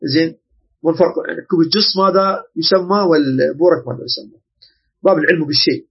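Iraqi guy teaching islamic law, kinda husky, slightly high, dull lo-fi audio. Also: fairly even intonation, quick pace. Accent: Iraqi Arabic. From Iraq. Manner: explanatory, checks understanding often. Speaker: religious teacher. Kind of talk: Islamic jurisprudence lesson.

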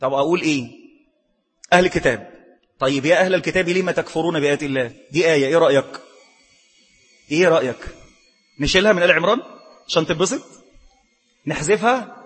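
Fast, emphatic Egyptian preacher in a hall. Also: male voice, on the high side, fairly bright tone, husky. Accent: Egyptian Arabic. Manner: emphatic, rhetorical questions to the listener; mixes formal recitation with colloquial asides. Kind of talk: sermon.

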